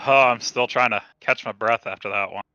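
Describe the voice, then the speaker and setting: A man speaking in a post-race interview as the runner-up, relaxed and friendly, a bit halting. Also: fairly low pitch, dull audio, a little hiss or hum. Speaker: second-place racer.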